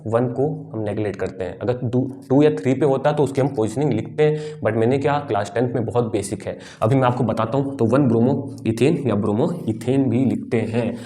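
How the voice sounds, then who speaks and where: A male teacher with a mellow, warm voice, pitched in the middle range. He explains patiently, one step at a time, and keeps turning to his students with questions that he then answers himself. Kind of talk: classroom lecture.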